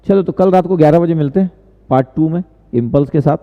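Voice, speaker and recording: A man's voice: fairly high pitch, fast. A male tutor teaching casually in a live stream, chatty and answering viewers' questions, often repeating himself. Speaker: online tutor. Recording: tinny, echoey lo-fi stream audio.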